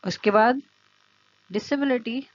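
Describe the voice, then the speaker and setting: A woman's voice: on the high side, takes it slowly, no echo. A woman teaching special education through an online exam-prep lecture over slides. She explains step by step, repeats key terms and keeps checking that the listener follows. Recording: dull lo-fi dry recording.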